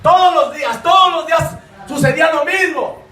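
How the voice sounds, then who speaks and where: A man preaching a fervent sermon in church, often shouting and repeating phrases. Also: very high-pitched, normal speed, recorded from a distance. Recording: echoey hall, voice from off the mic.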